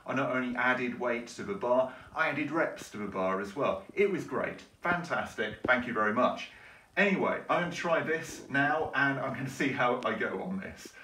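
A roomy, slightly distant recording of a man chatting casually in a home kitchen. He has a mid-pitched voice and speaks as a fitness vlogger, in a rambling, self-questioning way. A faint noise sits behind him. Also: expressive, normal speed, sharp tone. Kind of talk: casual chat to camera. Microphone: camera a couple of metres away.

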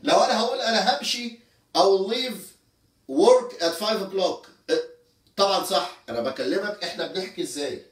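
A man's voice: high-pitched, fairly quick, a bit bright, echoey room, far from the mic. A man with an Egyptian Arabic accent teaching English words, explaining step by step and checking that his students follow. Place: indoor room, moving around while teaching.

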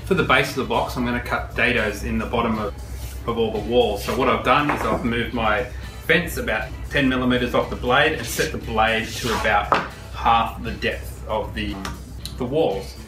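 A man, a woodworking host who explains a project in a relaxed, chatty way with fillers. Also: mid-range voice, normal speed. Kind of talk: casual how-to narration. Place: large home workshop, indoors. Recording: roomy workshop sound, mic at a distance, music under the voice. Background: background guitar music.

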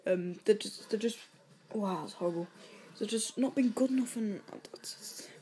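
A woman records a casual vlog on her phone, her voice mellow and soft-edged. She rambles from one thing to the next, stops herself partway through sentences and apologizes a lot. The phone video gives it a homemade, offhand feel. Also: medium pitch, a little hiss or hum. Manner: rambling, self-interrupting, quick to apologize. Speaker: vlogger. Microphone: phone camera.

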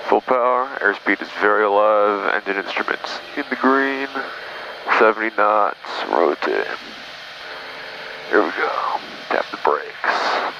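A man flying a small plane, talking through his cockpit headset intercom in calm, clipped radio phrasing. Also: lowish voice, takes it slowly, gravelly. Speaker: private pilot. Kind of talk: flying vlog with radio calls and checklists. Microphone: aviation headset. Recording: muffled intercom with engine noise.

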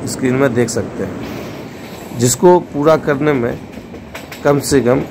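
A man narrates a voice-over for his travel vlog, giving informative tips to his viewers. His pitch is mid-range for a man. Clear background noise runs under his voice. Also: takes it slowly. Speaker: travel vlogger.

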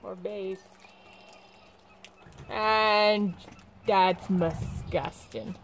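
Holding her phone at arm's length at a barn and paddock outdoors, a young woman in her twenties, a vlogger and horse trainer, chats and narrates casually, pausing to talk fondly to her horses. Her mid-range voice stays steady, drawing out words, over a little hiss or hum.

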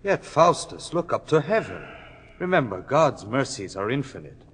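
A man's voice: medium pitch, big pitch swings, normal speed, fairly bright tone, husky, full character voice. An actor playing a devout male scholar friend, speaking earnestly and consolingly in classical stage style. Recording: hall reverb with music behind.

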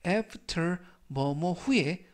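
A man teaching English vocabulary in a slow, patient, scripted lesson, repeating each word three times. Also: high voice, expressive. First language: Korean.

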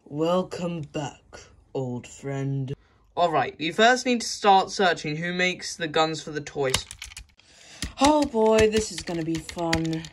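Woman doing all the toy train voices, low and slow mostly, jumps up high when excited. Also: slight background noise. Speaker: narrator and voice of every toy. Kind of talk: homemade toy-train story acting.

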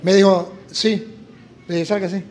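Animated Latin American priest telling a story. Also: male voice, high-pitched, unhurried, slight background noise. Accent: Latin American Spanish. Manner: animated, acts out dialogue in story. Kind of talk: sermon with storytelling.

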